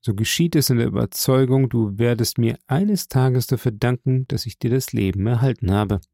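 A man voicing a solemn, fatherly nobleman who speaks slowly and gravely. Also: mid-range voice, warm tone, no echo, studio quality. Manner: slow, grave and measured.

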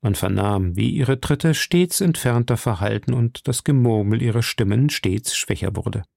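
A man reading a classic adventure novel aloud in slow, measured scripted narration. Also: medium pitch, animated, vocal fry, a little mellow, dry recording, clean studio sound. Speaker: audiobook narrator.

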